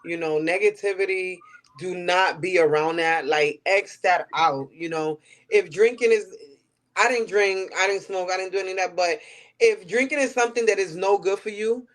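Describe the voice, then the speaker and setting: A woman in her late thirties with a New York accent speaks at normal speed in a lowish voice. As a podcast guest, she talks candidly in the interview and repeats phrases for emphasis.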